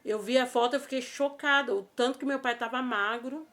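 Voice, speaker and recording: A Brazilian Portuguese woman telling a personal story in a vlog, emotional and halting, often repeating her phrases. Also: high-pitched, a bit bright. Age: adult with a child. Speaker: vlogger.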